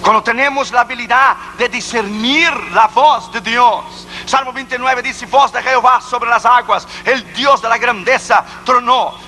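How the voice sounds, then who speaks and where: Bright high-voiced male preacher. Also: a little slow, hardly any pauses, soft background music, low-quality recording. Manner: emphatic, rhetorical questions. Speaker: evangelist preacher. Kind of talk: sermon.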